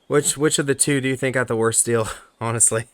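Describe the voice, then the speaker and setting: A man streaming a theatrical scripture reading, delivered deliberately with varied emphasis and casual commentary. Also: mid-range voice, fairly even intonation, dry recording.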